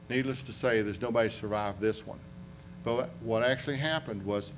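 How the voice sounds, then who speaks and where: A man's voice: medium pitch, a little hiss or hum. A man with a Southern US accent, an accident investigator presenting at a conference in a folksy, rambling way, with restarts and asides. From North Carolina. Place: conference room.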